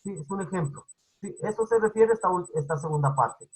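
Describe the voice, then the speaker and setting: A teacher with a Quito highland accent, giving an online class lecture and explaining patiently while constantly checking in with the students. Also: a little fast, slightly rough, low-quality recording. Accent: Quito highland Spanish. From Ecuador.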